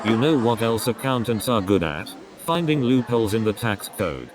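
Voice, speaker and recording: A man doing a stand-up comedy routine, delivering deadpan one-liners one after another. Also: lowish voice, moderate pace. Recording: crowd laughter in background. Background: audience laughter.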